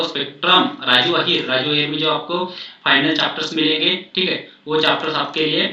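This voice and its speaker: Bright-voiced man in an echoey room. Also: on the high side. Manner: repetitive, reassuring, mixes English phrases. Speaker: exam coaching teacher. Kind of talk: study advice lecture. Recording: echoey room, distant mic, dull sound.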